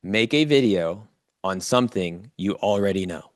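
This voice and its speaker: A man with a deep, animated voice and a moderate pace gives an informal motivational coaching talk live to an online audience. Speaking directly to his listeners, he repeats key phrases for emphasis, recorded in clean studio sound without echo.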